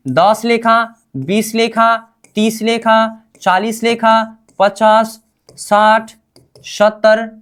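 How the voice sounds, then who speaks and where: Woman teacher drilling a class, slow and patient, keeps asking "what?". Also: fairly high pitch. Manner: drills by repeated call-and-response questions. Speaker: language teacher. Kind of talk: classroom language lesson.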